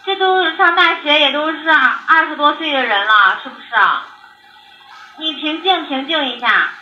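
A woman's voice: high voice, moderate pace, bright, forceful tone. A woman working as an emergency dispatcher over a landline phone, repeating questions and instructions insistently and impatiently. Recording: roomy phone call recording, faint noise.

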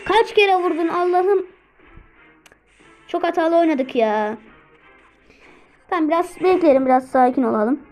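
A high-pitched woman commenting on her own game live, urging her units on and calming herself down. She repeats words in quick bursts while faint game music plays under her voice. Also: low-quality recording. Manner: excitable, talks to herself while playing. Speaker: gameplay streamer.

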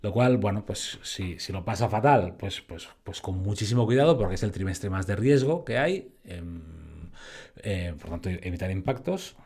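A man giving a live-streamed training lecture, lively and full of fillers, often checking in with his listeners. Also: low voice. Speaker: fitness trainer and educator.

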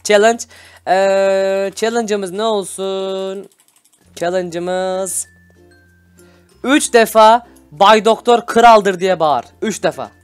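A man's voice: sits high, fairly even intonation, slow, long pauses, clean tone, faint music behind. A young man hosting a casual Minecraft gameplay video, teasing and bossing his playmate, laughing often and turning to talk to his viewers. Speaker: gaming channel host.

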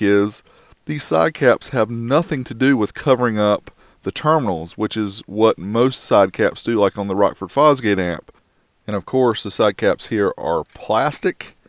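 A man's voice: on the low side, dry recording. A man giving a casual voice-over review of a car amplifier, with wry joking asides.

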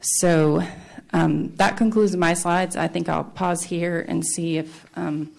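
Woman, city staff presenter. Low pitch, gravelly fry, formal but halting explanatory delivery. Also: fairly even intonation, a little mellow. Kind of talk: formal public meeting presentation.

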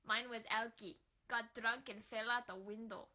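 A woman's voice: a little high, steady tone, moderate pace, sharp tone. A woman playing a brash, blunt teenage immigrant boy in amateur scene acting, with a cocky manner.

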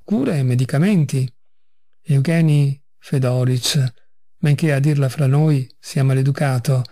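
A man voicing an elderly male postmaster who pleads with fussy, overly affectionate warmth in a storybook reading. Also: fairly high pitch, creaky, full character voice.

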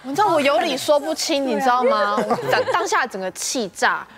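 A woman's voice: high-pitched, big pitch swings, moderate pace, a loud crowd. A woman guest on a talk show, telling a story expressively.

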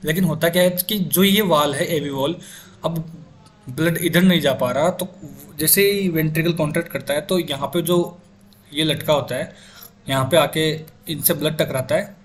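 A young man with a fairly high voice gives a classroom lecture to medical students. He works through each step and keeps asking the class questions. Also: normal speed.

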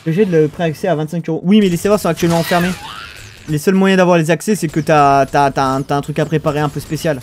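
A man's voice: fairly high pitch, steady tone, quick pace, soft background music. A young French man casually casting a strategy game match, chatting with viewers in the chat, often trailing off and restarting sentences. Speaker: esports caster. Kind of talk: casual live game commentary.

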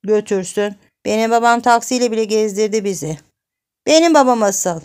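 A woman voicing a stubborn seven-year-old girl who brags back in a high voice. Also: normal speed, a little mellow, smooth, natural voice. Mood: boastful. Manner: bragging back.

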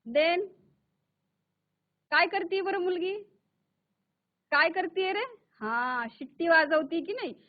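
A woman teaching English to young children, speaking slowly and patiently, asking questions and praising the class. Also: very high-pitched. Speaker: primary school English teacher. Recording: tinny phone-like audio.

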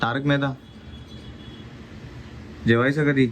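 A man's voice: mid-range voice, level tone, slow pace, slight background noise. A man vlogging about his family, talking to viewers while firmly coaxing and teaching his small child at mealtime. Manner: coaxing and firm, teaching a toddler.

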